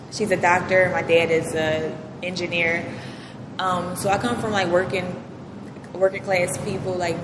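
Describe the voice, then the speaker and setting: A young woman, her voice a little low for a woman, talks through her answers with frequent "um"s. The room is echoey with a long tail and clear background hum. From West Philadelphia. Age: 20s. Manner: relaxed, hesitant with many "um"s. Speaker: business owner guest. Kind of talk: casual interview answers.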